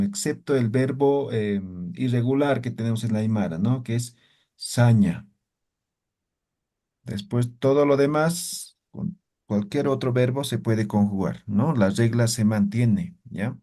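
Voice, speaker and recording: A man's voice: mid-range voice, a little slow, dark tone. A man teaching a language class, patiently correcting pronunciation and often checking that he is understood. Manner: patient, with frequent checking tags. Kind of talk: online class instruction.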